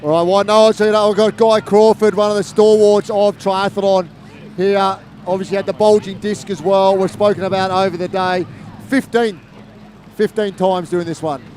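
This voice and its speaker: A man interviewing finishers in a friendly, brisk way at a race. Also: high-pitched, fairly even intonation, a little mellow. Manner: friendly, brisk, says mate. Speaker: co-commentator interviewer.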